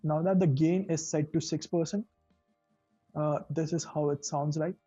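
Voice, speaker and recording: A man demonstrating camera mic gain settings, his voice carrying noise reduction artifacts from noise cancellation, explaining flatly with fillers. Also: fairly high pitch, moderate pace, slightly rough, no echo. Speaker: camera audio tester. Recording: dull lo-fi sound, faint music.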